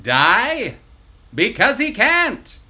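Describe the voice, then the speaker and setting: A man putting on the voice of an energetic old 1940s newsreel announcer, declaiming punchy lines with loud, stretched emphasis. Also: very high-pitched, drawn-out words, a little hiss or hum, voice pushed up, heavily acted. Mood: rousing. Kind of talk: old newsreel narration, comic table read.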